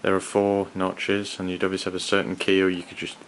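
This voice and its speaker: Low, flat-voiced man reviewing gear. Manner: hesitant, halting, rambling. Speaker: gas mask collector and reviewer. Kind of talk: unscripted hands-on product review. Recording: clearly audible background noise.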